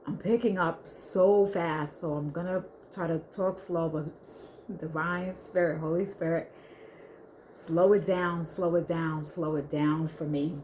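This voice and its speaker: A woman giving an earnest spiritual reading to her viewers, talking haltingly with many restarts. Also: fairly low pitch, fairly even intonation, a little mellow, a little hiss or hum. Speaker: spiritual reader. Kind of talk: intuitive spiritual reading to camera.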